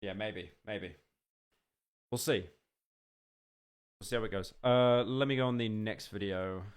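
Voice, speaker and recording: A man's voice: on the low side, unhurried, smooth. Rambling young man streaming. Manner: rambling, stammering restarts, sudden excited outbursts. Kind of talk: casual live-stream reaction.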